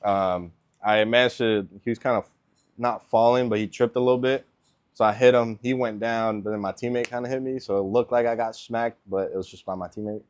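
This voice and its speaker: Low-voiced laid-back young man. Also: fairly even intonation, brisk, clean tone. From Venezuela, raised in Miami. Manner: laid-back, lots of ums and likes. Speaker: guest, NFL kicker. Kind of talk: casual interview answers.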